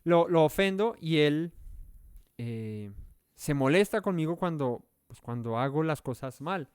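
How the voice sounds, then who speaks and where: A man's voice: on the high side, animated, measured pace, clear, resonant tone, no room sound, studio quality. A man teaching a verse-by-verse Bible study in an earnest, explanatory way. He pushes key points with rising emphasis and sometimes searches aloud for the right word. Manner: self-correcting, searching for words aloud.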